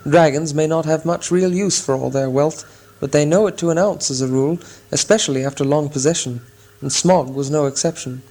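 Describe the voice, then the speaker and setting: A man narrating a fantasy story aloud in a measured, expressive storytelling style. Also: fairly high pitch. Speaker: audiobook narrator. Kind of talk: scripted narration.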